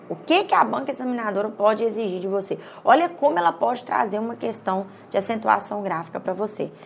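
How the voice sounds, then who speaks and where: Gravelly Brazilian woman teaching exam prep. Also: mid-range voice, a little hiss or hum. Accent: Brazilian Portuguese. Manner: lively, chatty, repeats words to drill them. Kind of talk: online exam-prep lesson.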